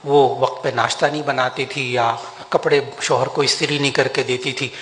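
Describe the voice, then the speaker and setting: Older man preaching in a reverberant hall. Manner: animated, rises in pitch for emphasis, slows for Quranic prayers. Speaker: religious scholar giving a talk. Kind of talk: Urdu sermon to an audience. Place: large hall with an audience. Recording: long hall reverb, faint background noise.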